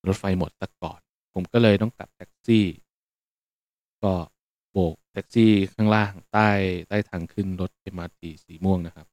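Male podcast host, laid-back storyteller; dark, mellow voice, dry close sound. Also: sits low, no echo. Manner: relaxed, meandering with fillers. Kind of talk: casual spoken storytelling.

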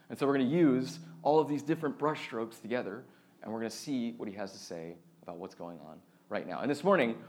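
A man of thirty giving a relaxed, conversational sermon as pastor, chatty and self-deprecating, with frequent fillers and restarts. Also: medium pitch, a little hiss or hum. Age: 30s.

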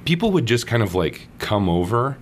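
Low-voiced priest telling lively stories. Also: male voice, normal speed, a little hiss or hum. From Minnesota, United States. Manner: lively, acts out quoted voices with laughs. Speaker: priest, podcast guest. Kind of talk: casual storytelling interview.

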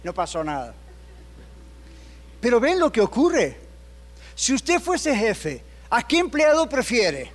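An older man preaching a sermon in a lively, storytelling way, putting on the voices of people he quotes and asking his listeners questions. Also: extremely high pitch, takes it slowly, pauses often, in a large hall. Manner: animated, acts out quoted voices; asks the congregation questions. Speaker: pastor.

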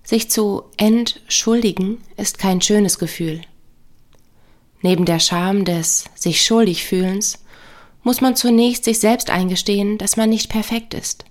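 Calm, measured woman therapist. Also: mid-range voice. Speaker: counselor and couple therapist. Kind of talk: reflective podcast monologue.

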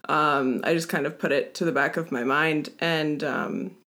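A woman's voice: low-pitched, lively intonation, moderate pace, creaky, a bit bright. A young woman from Canada chatting casually as a podcast guest, her mouth slightly muffled after having wisdom teeth removed. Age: young adult. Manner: giggly, filler-heavy. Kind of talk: casual conversational storytelling.

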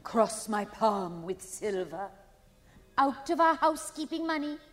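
A dark, breathy fortune-teller. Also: female voice, on the high side, sing-song, a little slow, in a large hall. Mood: coaxing. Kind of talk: radio play acting.

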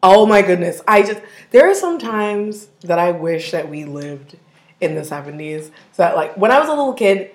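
A woman's voice: on the low side, moderate pace. Woman cohosting a chatty podcast, laughs a lot, goes off on tangents, roomy echo. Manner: playful, laughs often, animated tangents. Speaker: podcast co-host. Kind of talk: casual chat.

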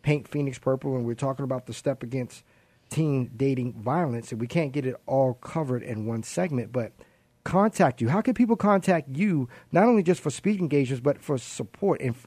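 Man, radio host, enthusiastic, chatty, mid-pitched, dry. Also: fairly quick, dark tone, dry recording. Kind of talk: radio interview.

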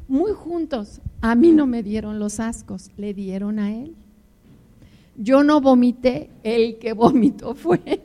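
A woman's voice: high-pitched, mellow. An older woman preaching to married couples, telling emotional personal stories and calling the listeners her beloved ones. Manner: emotional storytelling with personal anecdotes. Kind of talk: conversational sermon.

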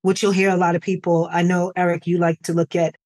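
Speaking fast, this lowish-voiced New Yorker appears as a podcast guest in a conversational interview. She spins stories casually, leaning on "like" and "you know" again and again.

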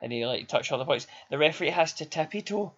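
A man's voice: a little high, lively intonation, fast, a bit bright, husky. Chatty Glaswegian man on a podcast. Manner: chatty, laughs often, enthusiastic. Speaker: podcast co-host. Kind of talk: casual chat reviewing a fight. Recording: dull lo-fi podcast audio.

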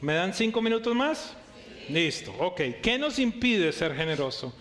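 A man's voice: sits high, sing-song, unhurried, fairly bright tone. A middle-aged male pastor preaching a sermon, emphatic, asking the church rhetorical questions.

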